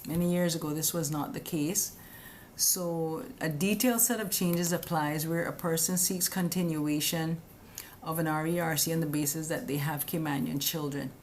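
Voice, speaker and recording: A woman's voice: low-pitched, steady tone, moderate pace, a little mellow, a little hiss or hum. A woman hosting a live stream, explaining immigration rules in a direct, chatty, scolding way and addressing viewers as guys. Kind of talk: casual live-stream explainer answering comments. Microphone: webcam or phone on a live stream.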